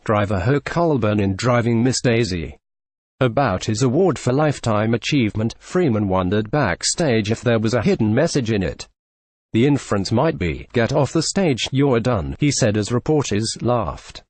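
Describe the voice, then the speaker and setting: A man narrating a scripted entertainment news report in a steady, even read. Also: medium pitch, moderate pace, dry recording.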